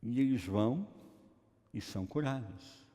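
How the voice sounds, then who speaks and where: A man preaching a lively sermon in a colloquial, joking way, acting out Bible scenes. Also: medium pitch, a little slow. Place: church hall. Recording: long church-hall reverb.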